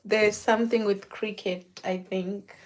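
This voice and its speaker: A talkative Zimbabwean hairstylist chats casually with a client while doing her hair, her pitch in an ordinary middle range for a woman. She speaks a little slowly with fairly even intonation, easily looping back to repeat words as she restarts sentences.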